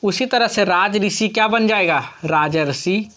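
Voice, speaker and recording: धीमी, धैर्यवान महिला शिक्षिका. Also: female voice, mid-range voice, a bit bright. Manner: slow, patient, asks and answers her own questions. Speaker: teacher. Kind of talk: classroom lesson explaining grammar on screen.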